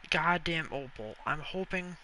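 A young man live-streaming a video game, rambling casually to viewers and breaking into excited yelling and swearing. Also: a little high, unhurried, a little hiss or hum, low-quality recording. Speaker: gaming streamer.

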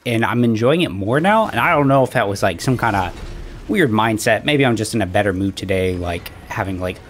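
A man's voice: on the low side, lively intonation, brisk. Breathless man chatting through gameplay. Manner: chatty, rambling, frequent fillers and "right?" asides. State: out of breath after exercising. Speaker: gaming channel host. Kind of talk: casual gameplay commentary.

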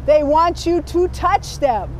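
A woman's voice: high voice, lively intonation, slow pace, a little hiss or hum. A woman leading a community training, reading a guide aloud to a group in a projecting teacher voice and checking in with them.

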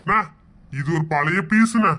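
A woman's voice: fairly low pitch, moderate pace, a bit bright, a little hiss or hum, natural voice. A woman voicing a cheeky, teasing drunk village man in a cartoon.

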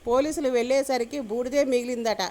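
A woman reading the part of a worried middle-aged husband who breaks bad news in a hushed, careful way. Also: sits high, steady tone, fairly quick, close to an everyday voice. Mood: anxious.

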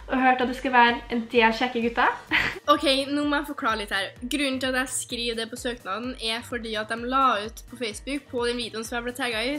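A woman's voice: on the high side, sharp tone. A nineteen-year-old woman from central Norway with a Trøndelag accent, chatting bubbly and giggly in a casual vlog. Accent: Trøndelag Norwegian. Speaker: YouTuber. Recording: echoey room.

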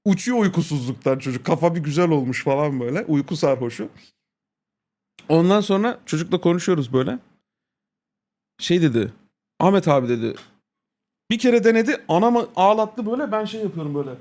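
A man's voice: fairly high pitch, lively intonation, fairly quick, long pauses, darkish tone. A man streaming, telling a crude, profane story in casual chat, laughing often and quoting people with repeated "he said".

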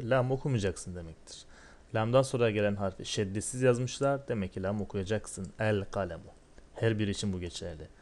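A man teaching a lesson from a textbook, asking himself questions and answering them, and sounding out words slowly. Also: fairly low pitch, darkish tone. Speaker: Arabic teacher.

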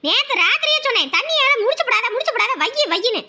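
A woman's voice: very high voice, big pitch swings, quick pace, sharp tone, heavily acted. A woman voicing a scheming, scolding middle-aged stepmother in a cartoon, nagging as she talks. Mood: grumbling. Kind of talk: Tamil cartoon voice acting.

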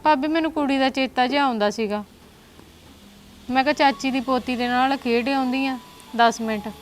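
A woman's voice: high voice, steady tone, moderate pace, a little hiss or hum, close to an everyday voice. A woman playing a hurt, proud married sister. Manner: soft and hurt, turning sharp and defiant. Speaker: married sister visiting her brother. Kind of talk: village family drama acting.

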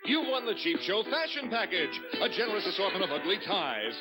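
A man reading scripted prize copy as a rapid-fire game show announcer. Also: high voice, big pitch swings. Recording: old TV tape with loud music.

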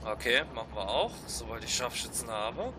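A man's voice: mid-range voice, expressive, normal speed, sharp tone, a little hiss or hum. A man giving casual, laid-back gameplay commentary as a let's player. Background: game music and sounds.

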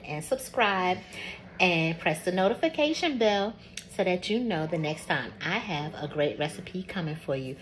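A woman hosting a casual cooking vlog, chatting and tasting food on camera. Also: low-pitched. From Georgia, US. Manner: chatty, tastes on camera with mouth full. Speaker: cooking channel host. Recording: audible background noise.

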